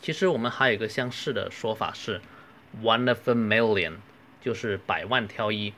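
A man with a Cantonese accent teaching English phrases, reading each line slowly and carefully, then explaining. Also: fairly low pitch, pushed and bright, slight background noise. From southern China. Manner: slow, careful model phrases between quick explanations. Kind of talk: language lesson.

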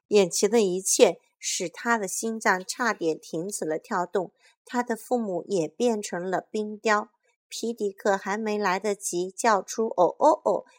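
A woman reading a children's storybook aloud in a soft, lively storytelling manner. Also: mid-range voice.

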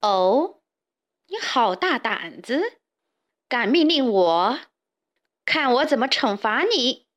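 A woman's voice: a little high, animated, slow, fairly bright tone. A woman voicing a vain, bossy hen queen in a children's storybook, with a haughty, commanding manner. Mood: angry.

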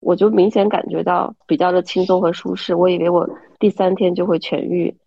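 A woman lying in bed at home, hoarse and stuffy from illness, giving a wry, self-mocking account over an online call. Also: fairly low pitch, flat delivery, brisk, dry recording, dull audio. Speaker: podcast team member. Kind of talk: casual chat. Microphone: online call app from home.

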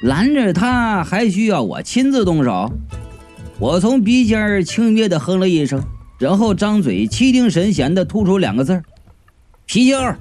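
Lively high-voiced male storyteller. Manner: lively, playful, wry. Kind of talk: comic audiobook narration. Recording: faint background music.

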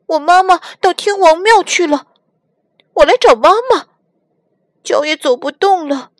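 A woman voicing a small lost boy in a children's storybook, pleading in a high, whiny voice. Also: measured pace, no echo, studio quality.

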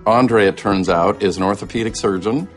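A man speaking a line of sitcom dialogue in a clip, delivered slowly. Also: lowish voice, faint music behind, lightly acted. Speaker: sitcom character in a played clip.

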